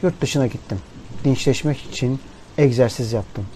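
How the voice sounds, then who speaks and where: A man tells a dark first-person tale in a steady, serious reading voice. His pitch sits in an ordinary middle range. Steady rain and rolling thunder play clearly beneath his words. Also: a little hiss or hum. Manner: measured, grave first-person storytelling. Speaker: audiobook narrator. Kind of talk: scripted literary narration. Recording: rain and thunder ambience under voice. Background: rain and thunderstorm sound bed.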